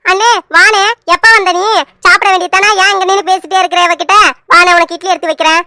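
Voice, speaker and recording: A strict elder sister in a cartoon, voiced by a woman, lectures in a quick, reproachful way. Her voice is very high and bright, and the sound is close and dry. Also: flat delivery, no echo. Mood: caring.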